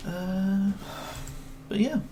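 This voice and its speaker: A man's voice: high-pitched, drawn-out words, warm tone, a little hiss or hum. A man co-hosting a podcast, sleepy and laid-back, giving short casual replies. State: sleepy, yawning. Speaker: podcast co-host. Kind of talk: casual chat.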